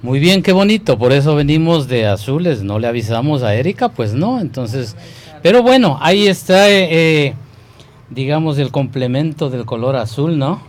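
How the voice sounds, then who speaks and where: A man's voice: mid-range voice, sing-song, normal speed. A man hosting a live radio show, chatting casually and hesitating with many fillers. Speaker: radio host. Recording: faint background noise.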